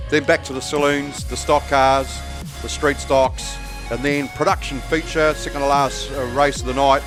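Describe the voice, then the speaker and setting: New Zealand man announcing, music behind him. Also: mid-range voice. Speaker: speedway track announcer. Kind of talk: casual live event commentary.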